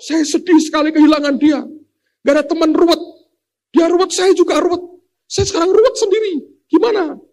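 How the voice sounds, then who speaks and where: A man's voice: fairly even intonation, brisk, a little mellow. A man voicing a grieving, crude woman who was the dead man's drinking friend, wailing at a funeral. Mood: wailing grief. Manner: high wailing, sobbing complaint.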